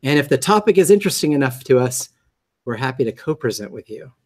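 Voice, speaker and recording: A man with a high, nasal voice, hosting a meetup in a chatty, joking way with many ums and restarts. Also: very animated, quick pace. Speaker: meetup host. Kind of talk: casual talk to a group.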